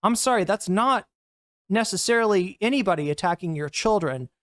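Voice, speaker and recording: Woman, streamer, casual reaction commentary, blunt, profane, heated, mid pitch, dry close sound. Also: animated, normal speed, no room sound.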